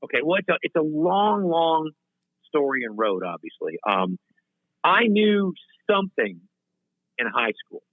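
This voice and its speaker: An unhurried, fairly high, sing-song voice belongs to a singer-songwriter in his fifties who pauses often as he rambles through interview stories. He keeps breaking off, restarting his sentences and laughing at himself. The recording is dry, tinny phone-line audio with no room around him.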